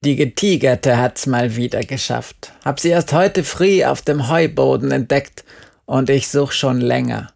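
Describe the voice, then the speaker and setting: A man voicing a stubborn, weary old farmer in an audiobook, speaking in a slow, drawn-out grumble. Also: mid-range voice, creaky, a little mellow. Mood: matter-of-fact. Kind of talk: audiobook character voice.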